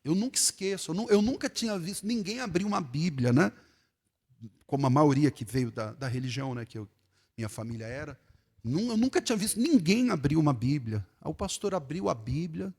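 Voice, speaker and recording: Preaching pastor in an echoey church. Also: male voice, a little high, big pitch swings, brisk. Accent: Brazilian Portuguese, São Paulo. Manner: conversational preaching with sudden loud exclamations. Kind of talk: sermon. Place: church hall.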